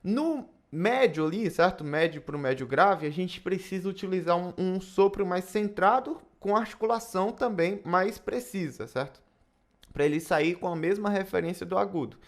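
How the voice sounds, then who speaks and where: A man's voice: high voice, normal speed. Brazilian man teaching saxophone. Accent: Brazilian Portuguese. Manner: casual, tag questions after phrases. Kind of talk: instructional video lesson.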